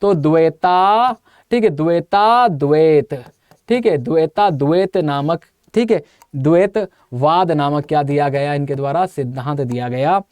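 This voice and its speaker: High-voiced lively male teacher. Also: unhurried, clean tone, no room sound. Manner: repeats questions to students and answers them himself; lively, uses memory tricks and jokes. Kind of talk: online exam-prep lecture.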